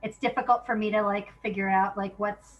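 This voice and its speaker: Interviewed about her work, a woman playwright speaks briskly at medium pitch, chatting casually and animatedly performing exchanges from memory. The sound is lo-fi.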